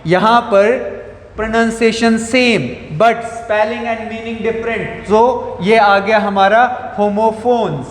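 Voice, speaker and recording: A man's voice: high voice, steady tone. A male school English teacher, giving a grammar lesson and spelling words out letter by letter. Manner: slow, repeats and spells out words. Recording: roomy echo with long reverb.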